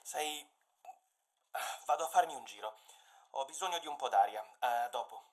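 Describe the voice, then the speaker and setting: An actor playing a sensitive, fragile man from Genoa in a radio drama, who speaks hesitantly and quietly. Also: mid-range voice, moderate pace, natural voice. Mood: subdued. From Genoa, Italy.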